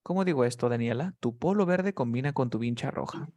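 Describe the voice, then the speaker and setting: A man's voice: medium pitch, expressive, fairly quick, warm tone. A man teaches beginner English, patiently repeating words and calling on his students one by one. His voice sounds close and dry, with no room echo. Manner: patient, drills words and asks students by name. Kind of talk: live online class teaching beginners.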